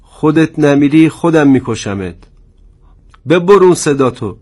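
A man voicing a brutal giant guard who taunts his prisoners in a rough, harsh voice. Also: on the high side, animated, darkish tone. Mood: threatening. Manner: sneering, taunting. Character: brutal giant armed male guard, mocking.

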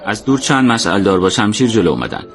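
A man narrating a scripted adventure story in a steady, colloquial storytelling manner. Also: lowish voice.

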